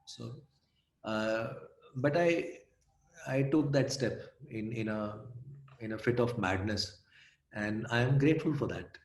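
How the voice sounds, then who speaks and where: A man from India telling anecdotes in an interview, bringing quoted people to life in an animated way. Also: medium pitch, takes it slowly, pauses often, reverberant, a little hiss or hum. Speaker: storyteller and guest. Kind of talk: conversational interview.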